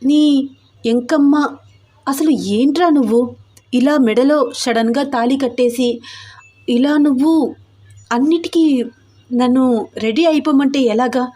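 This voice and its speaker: A shy, flustered young bride in a storybook romance who scolds and exclaims in a high, raised voice, as a woman reader puts her on. She sounds caught off guard and defensive throughout. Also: takes it slowly, pauses often, mellow. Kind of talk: storybook character voice.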